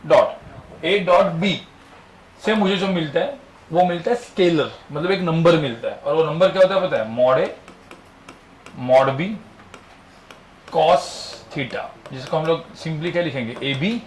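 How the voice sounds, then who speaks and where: A man's voice: a little high, unhurried, pauses often, slight background noise. Man quizzing a physics class. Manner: quizzing students with constant rhetorical questions. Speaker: physics teacher. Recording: echoey classroom with faint ambience.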